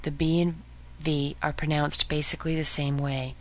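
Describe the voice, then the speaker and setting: A woman hosting a podcast lesson on Spanish pronunciation, modeling each sound slowly and clearly for listeners to repeat. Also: sits low, level tone. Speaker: Spanish teacher.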